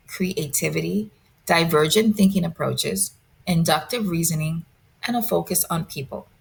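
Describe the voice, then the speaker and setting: A woman presenting a lecture, reading a prepared script in a measured, deliberate way. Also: on the low side, gravelly.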